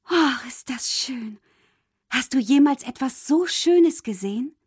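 A carefree young mermaid girl, as a woman puts her on, raised and breathy, her voice lilting up and down with curiosity. It sounds close and dry, in a storybook telling. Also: on the high side, huge pitch swings, a little slow, darkish tone, dry recording, pitched above the performer's own voice, full character voice. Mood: delighted. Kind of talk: storybook reading.

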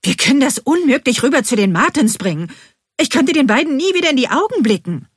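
A woman voicing an excitable, flustered young woman friend who speaks in a shrill, hurried way, recorded dry and close. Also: no room sound.

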